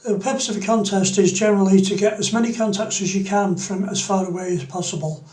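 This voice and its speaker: In a fast, fairly even delivery, a high-voiced man narrates an informal, unscripted on-screen demo step by step, his tone a little mellow. The room echo is clearly heard.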